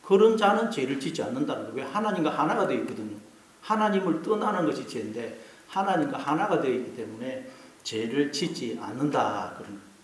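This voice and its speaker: A man's voice: medium pitch, expressive, fast talker, slight background noise. Korean man preaching in an echoey church. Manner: earnest preaching, repeats key phrases. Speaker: pastor. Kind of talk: sermon.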